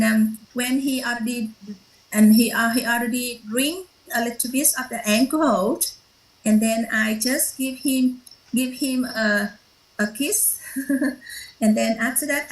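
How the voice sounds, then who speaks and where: Slow, halting woman sharing a personal story. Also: on the high side, reverberant, poor audio. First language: Vietnamese. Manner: halting, many fillers and restarts. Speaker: workshop participant.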